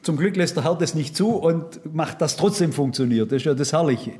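A man preaches a sermon to his congregation, asking many rhetorical questions and quoting and reading Bible verses aloud. His voice is a little high and a little mellow, with a brisk delivery.

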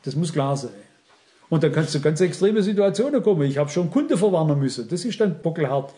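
A man's voice: on the high side, lively intonation, brisk, warm tone. A middle-aged man preaching a sermon, earnest and emphatic, speaking straight to his listeners.

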